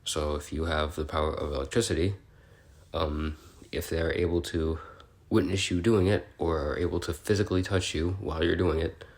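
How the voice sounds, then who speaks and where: Rumbling and low, this man's voice keeps a steady tone and moderate pace. Taking the role of an awkward, bookish, curious researcher noting species in an audio log, he rambles through a semi-improvised, in-character explanation, hesitant and politely apologetic, in a curious, musing mood.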